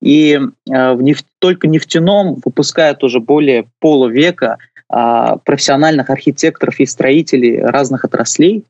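A man's voice: medium pitch, moderate pace, a little mellow, dry recording. Hesitant young man, slightly muffled. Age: 20s. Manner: hesitant, many fillers, earnest. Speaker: guest, youth official. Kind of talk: radio interview.

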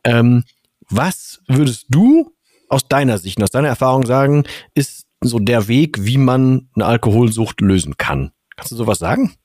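A man's voice: mid-range voice, animated, moderate pace, darkish tone, no room sound, clean studio sound. A man interviewing in a casual chat, asking long, rambling questions with many restarts. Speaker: podcast interviewer.

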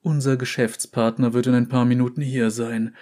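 A man's voice: medium pitch, level tone, normal speed, warm tone, close to an everyday voice. A man voicing an impatient old merchant with a big-city accent, cold and haughty. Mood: smooth. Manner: haughty, snapping.

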